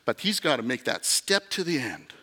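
A man's voice: medium pitch, big pitch swings, moderate pace, bright, forceful tone, breathy edge, in a large hall. A male pastor preaching a sermon in a church, telling it as a casual story with frequent "okay?" asides. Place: church sanctuary.

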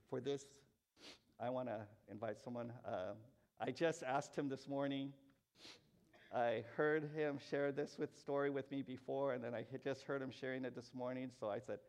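A man preaching a sermon as pastor, earnest, dropping soft on key lines. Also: medium pitch, steady tone, moderate pace.

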